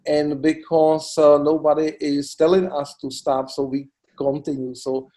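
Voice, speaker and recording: A middle-aged man from the Republic, a cancer doctor answering interview questions in a halting way, full of "you know" fillers. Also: on the high side, level tone, dark tone. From Czech Republic. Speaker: oncologist guest. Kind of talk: expert interview.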